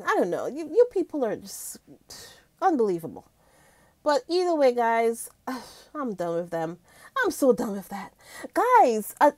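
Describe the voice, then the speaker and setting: A woman vlogging in a loose, chatty way, gushing to her viewers and calling them guys. Her voice sits a little high and swings widely in pitch. The sound is dry and close, with no room echo. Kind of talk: casual commentary chat.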